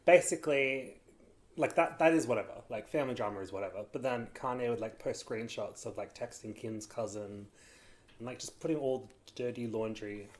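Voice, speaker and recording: Woman, extremely low voice, chatty rambling storyteller, casual podcast co-host. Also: fairly quick.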